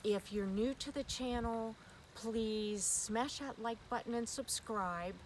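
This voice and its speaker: Speaking a little slowly in a slightly high voice, a female paranormal investigator runs a spirit box session. She calls out questions to spirits, frequently repeating them, on a noisy, clicking recording.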